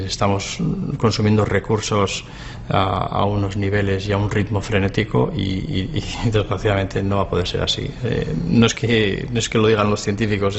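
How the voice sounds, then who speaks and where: Scientist guy, low gravelly voice, pretty monotone, lo-fi with a bit of hiss. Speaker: geologist and oceanographer. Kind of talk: interview answers.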